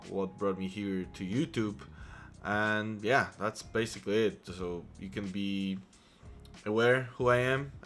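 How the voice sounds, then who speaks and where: Talking casually to camera about his life, a man from Poland in his thirties rambles on with many restarts, speaking with a Polish accent. The vlogger's voice is lowish with a fairly bright tone.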